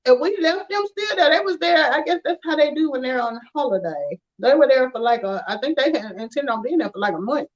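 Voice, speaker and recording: A woman, telling stories in an animated, casual chat with frequent laughter. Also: sits high, a little fast, few pauses. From rural Alabama, USA. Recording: dull lo-fi sound.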